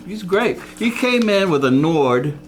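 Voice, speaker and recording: A man's voice: high-pitched, big pitch swings, unhurried, a little hiss or hum. A man as a guest musician in a casual interview chat, rambling and repeating words as he tells stories. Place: local TV studio.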